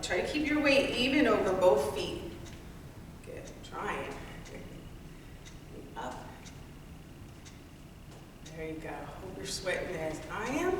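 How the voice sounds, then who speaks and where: A woman's voice: medium pitch, fairly bright tone. A woman leading a workout class, counting down and giving cues in an encouraging, playful way. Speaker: group fitness instructor. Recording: echoey hall, distant mic, faint noise.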